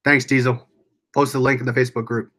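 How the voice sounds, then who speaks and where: A man's voice: medium pitch, little pitch movement, fast, pushed and bright. An American man hosting a casual livestream, rambling along as he reads and answers viewers' comments aloud. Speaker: livestream host.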